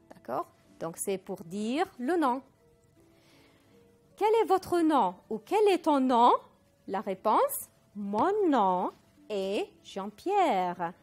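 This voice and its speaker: Casting: woman French teacher, slow and very deliberate, lively pitch, faint music behind. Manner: slow, deliberate model phrases for repetition, mixing in Arabic. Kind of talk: recorded language lesson.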